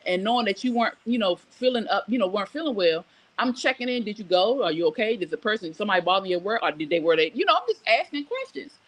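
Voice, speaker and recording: Speaking fast and very animatedly in a mid-range voice, a middle-aged woman hosts a laid-back live morning program, heard on a low-quality recording. Her talk is frank and emphatic: casual chat, viewer comments read aloud, and conversational personal stories.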